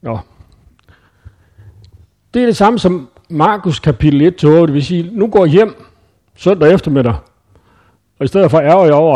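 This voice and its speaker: A man's voice: fairly high pitch, dark tone. A man preaching in a conversational Bible-teaching style, thinking aloud with frequent hesitations and self-corrections.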